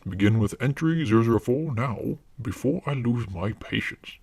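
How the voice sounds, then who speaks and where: A man playing a stern, secretive paranormal investigator and mentor in an audio drama, speaking formally and commandingly in a disguised, altered deep voice. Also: expressive, moderate pace, vocal fry, darkish tone, husky, no room sound. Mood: impatient, commanding.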